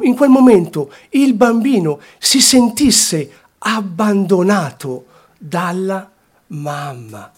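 A man preaching a sermon, slowly and deliberately, repeating phrases and swinging between hushed and raised delivery. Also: on the high side.

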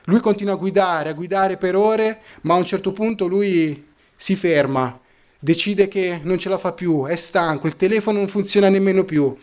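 A man preaching a sermon, telling a story and reading scripture aloud, slowing down and dropping low for emphasis. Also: a little mellow.

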